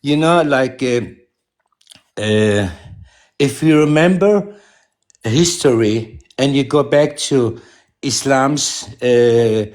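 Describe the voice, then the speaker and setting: A man's voice: medium pitch, darkish tone. Hesitant Lebanese man sharing views. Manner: hesitant, many fillers. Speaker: caller. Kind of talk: hesitant opinion on a live stream.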